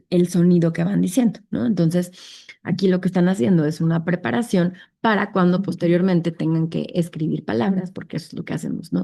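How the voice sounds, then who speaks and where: A woman lecturing at a conference, her voice low-set and mellow. She speaks Spanish with a Mexican accent and explains step by step, leaning on fillers and tag questions. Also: gravelly. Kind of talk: conference talk.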